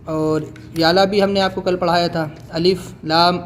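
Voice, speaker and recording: A man's voice: high voice, level tone, slight background noise. A male teacher giving a patient, explanatory lesson on reading Quranic letters, repeating and drilling each sound.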